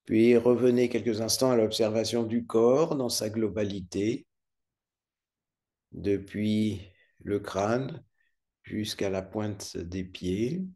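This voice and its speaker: Guy doing guided meditation, really slow n soft-edged mellow voice, calm, soothing, lots of pauses. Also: fairly low pitch. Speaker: yoga nidra instructor leading a guided relaxation.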